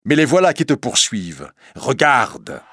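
A man's voice: fairly low pitch, sing-song, unhurried, gravelly, a bit bright, breathy edge, no room sound, clean studio sound, exaggerated voice. A man reading a story aloud, voicing a tormented, obsessive male priest who pleads and threatens with passion. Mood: intense pleading. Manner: passionate, pleading then menacing.

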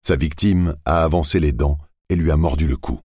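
A man narrates a novel in a steady, measured reading. His voice is extremely low and husky, and the recording is dry and close. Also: no room sound.

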